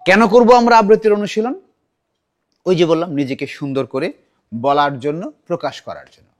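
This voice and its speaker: A middle-aged man teaching a children's recitation class, animated and asking the class many questions. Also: high voice, moderate pace.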